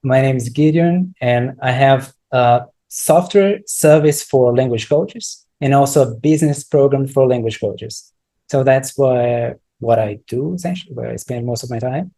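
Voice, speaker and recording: Mellow and medium in pitch, his voice moves at a moderate pace. The speaker, a Brazilian software entrepreneur whose mother tongue is Brazilian Portuguese, gives casual interview answers thoughtfully, searching for words with many restarts.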